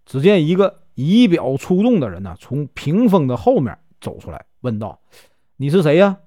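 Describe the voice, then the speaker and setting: A male storyteller with a Northeastern Mandarin accent, relaxed and folksy, sprinkling small fillers through the tale. His pitch moves a lot and sits somewhat high. The recording is close and dry. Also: normal speed, no room sound. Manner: folksy, filler-laden telling. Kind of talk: casual storytelling narration.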